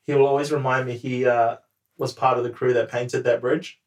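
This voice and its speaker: With a mid-range voice and a fairly quick pace, a young man from New Zealand chats casually as a podcast guest. He's relaxed but hesitant, using lots of ums and laughing readily.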